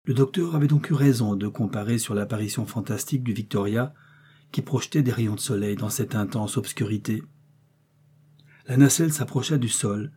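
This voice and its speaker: Male audiobook narrator, measured, dramatic, husky, mellow. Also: mid-range voice. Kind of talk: scripted narration.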